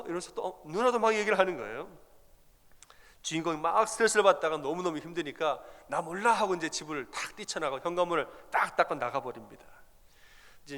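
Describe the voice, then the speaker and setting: A male pastor preaching a sermon, telling a story in an animated way and acting out the people in it. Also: on the high side, long reverb tail.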